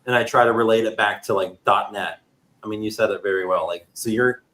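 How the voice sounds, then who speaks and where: A man's voice: on the low side, a little fast, fairly bright tone, low-quality recording. A man co-hosting a casual livestream, asking questions in a loose, musing way full of likes. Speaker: co-host.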